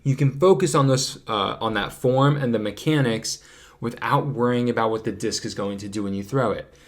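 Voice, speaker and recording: A man's voice: mid-range voice, normal speed. A man hosting a disc golf podcast, talking casually and explaining patiently with frequent fillers and self-corrections while checking his notes. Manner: reads from notes. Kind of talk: casual instructional talk.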